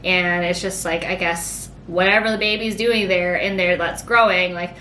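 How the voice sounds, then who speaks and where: A woman's voice: steady tone, normal speed, sharp tone. A woman in her late twenties chatting casually through a pregnancy Q&A, rambling and filling her sentences with "like". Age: late 20s. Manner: rambling, heavy use of "like". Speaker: vlogger. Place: home. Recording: echoey room, faint rumble.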